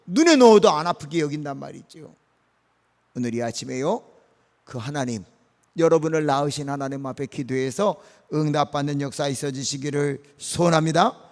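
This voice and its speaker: Emphatic male pastor in an echoing church. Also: on the high side. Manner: animated, emphatic, folksy asides to the congregation. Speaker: senior pastor. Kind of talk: early-morning sermon. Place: church sanctuary. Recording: long reverb of a church hall.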